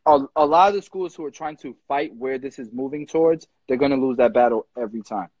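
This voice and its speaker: A man's voice: medium pitch, darkish tone, no room sound. A young man who is a barber educator, talking passionately and emphatically on a live stream from a room at home, recorded on a phone camera at arm's length with dull lo-fi audio. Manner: passionate, emphatic, quick restarts. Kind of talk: casual live chat. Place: indoor room with ceiling fan. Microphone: phone front camera at arm's length.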